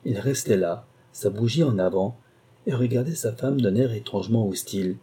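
A man narrating a story in the first person in a measured, dramatic way. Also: on the low side, warm tone, slightly rough. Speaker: audiobook narrator. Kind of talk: scripted narration.

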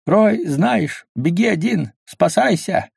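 Give me a man doing a scheming coward fisherman posing as a hero, gravelly and dry. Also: fairly high pitch, lively intonation, measured pace, a little mellow, no echo, voice pushed up, full character voice. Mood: falsely noble. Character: cowardly scheming male fisherman, grandstanding traitor.

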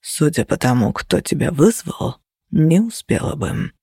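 A woman voicing a weary, protective young man who talks low and soft in an audiobook. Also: sing-song, measured pace, gravelly, husky, no room sound, studio quality, heavily acted. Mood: patient. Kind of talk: audiobook character voice.

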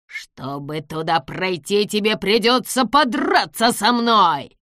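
A woman voicing a vengeful, gloating little old man who shouts and cackles in an audiobook. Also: mid-range voice, moderate pace, no room sound, studio quality, lightly acted. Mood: taunting.

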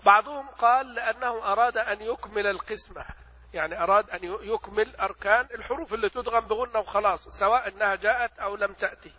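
Guy teaching a lesson, high voice, asks n answers his own questions, lots of hall echo. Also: steady tone, pushed and bright, husky. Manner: explains by asking and answering his own questions, recites examples slowly. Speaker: religious teacher. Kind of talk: lecture explaining a classical text.

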